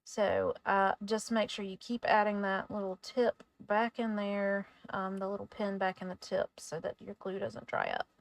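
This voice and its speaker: A woman hosting a craft tutorial in a casual voice-over, chatty and relaxed, sometimes stumbling over her words. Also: medium pitch, moderate pace, few pauses.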